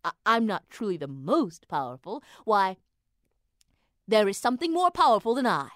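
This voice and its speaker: Woman voicing the proud storybook sun, loud and grand. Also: medium pitch, very animated, moderate pace, no room sound, studio quality. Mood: boastful. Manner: grand, boastful, drawn out.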